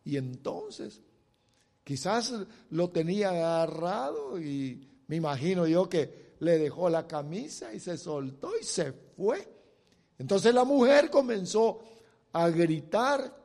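A man's voice: high voice, lively intonation, slow pace, a little mellow, long reverb tail. A middle-aged man preaching a sermon, retelling a Bible story dramatically and talking straight to the listeners. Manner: dramatic storytelling with acted quotes, direct address.

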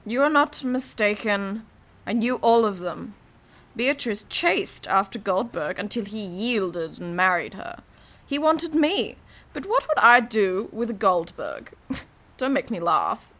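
A woman's voice: mid-range voice, big pitch swings, slow pace, fairly bright tone, heavily acted. A woman reading the part of a snobbish, proud, senile old woman in an audiobook, with a scornful, boastful manner. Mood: haughty, scornful.

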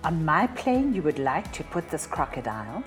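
A flustered, hurried bush pilot from a rhyming storybook, as a woman reads him aloud. His lines bounce widely in pitch from a lowish base. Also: sing-song, soft background music. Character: startled male bush pilot.

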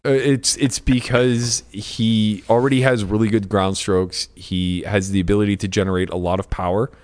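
A man's voice: fairly low pitch, little pitch movement, normal speed, a little mellow. A man co-hosting a podcast, teasing his friends in casual banter and swearing freely. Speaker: podcast co-host.

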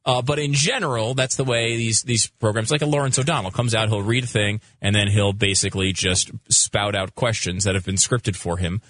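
A man's voice: lowish voice, a little fast, few pauses, fairly bright tone. A man co-hosting a talk radio show, chatting casually and explaining at length with many fillers.

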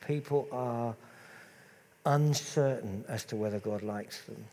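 A man's voice: mid-range voice, takes it slowly, mellow, low-quality recording. Earnest man co-hosting a church talk. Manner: earnest, repeating points for emphasis. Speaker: church co-host. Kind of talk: casual faith discussion.

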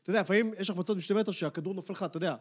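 A man co-hosting a casual sports podcast, making measured, analytical points. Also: sits high. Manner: measured, analytical, builds arguments step by step. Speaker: podcast co-host.

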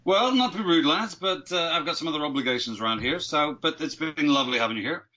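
A man's voice: a little high, expressive, quick pace, bright, forceful tone, lo-fi sound. A man from Northern Ireland, a brewmaster, explaining his beer and food in a friendly, matter-of-fact way. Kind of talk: casual chat.

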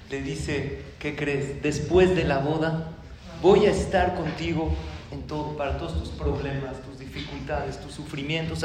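A man, a rabbi, tells jokes to a live audience in a big, very echoey hall with a steady hiss of noise behind him. His voice sits a little high, and he slips into acted voices for his characters. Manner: animated joke-telling with acted voices. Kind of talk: humorous talk to an audience.

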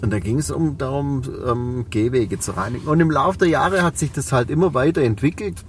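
Brisk and mid-pitched, this man's voice comes from far off the mic with a bit of hiss or hum. As a guest on a podcast interview, the forty-something Swabian-accented cleaning company owner reflects aloud, leaning on many fillers.

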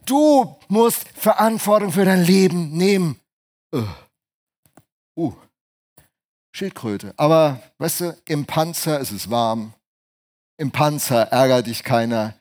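A man preaching a lively sermon, swinging between hushed and loud voices. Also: fairly high pitch, slow pace, pauses often.

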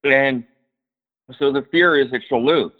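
A man's voice: medium pitch, unhurried. Man calling in on a choppy phone line. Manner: rambling, hedging, swears casually. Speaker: caller. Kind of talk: casual call-in chat.

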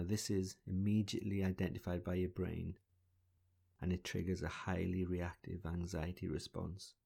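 A man leading a guided breathing exercise in a slow, soothing, deliberate voice, counting breaths. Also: deep voice, gravelly, dark tone, breathy edge. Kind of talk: calm guided relaxation exercise.

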